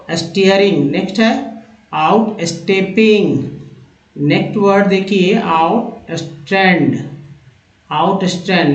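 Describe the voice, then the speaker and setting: A man teaching an English lesson, reading words one by one, slowly and drawn out, with a roomy, dull lo-fi sound. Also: high-pitched. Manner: slow, drawn-out reading of each word. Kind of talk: reading word lists in a lesson.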